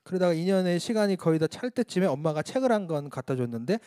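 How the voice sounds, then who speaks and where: A man's voice: high-pitched, very animated, fast, warm tone, no room sound, clean studio sound. A male missionary preaching a candid testimony sermon at a church service, telling his story in a frank, self-mocking way.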